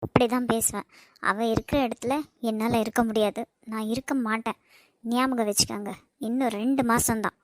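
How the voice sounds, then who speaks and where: A woman's voice: on the high side, steady tone, moderate pace, no echo, clean studio sound, pitched below the performer's own voice, natural voice. A woman voicing a bossy, scheming young wife in a cartoon, speaking Kanyakumari Tamil in a cold, threatening way. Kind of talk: cartoon voice acting.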